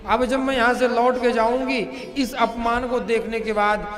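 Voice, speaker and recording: A man's voice: very high-pitched, fairly even intonation, normal speed. A man preaching a devotional story, narrating expressively and chanting Sanskrit verses. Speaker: katha preacher. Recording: long hall reverb with music.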